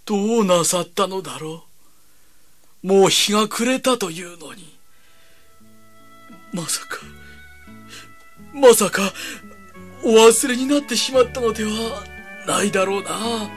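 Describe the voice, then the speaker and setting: An actor playing a humble, devout old cobbler who muses aloud to himself in a radio drama. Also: male voice, sits high, moderate pace, soft background music, lightly acted. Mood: worried.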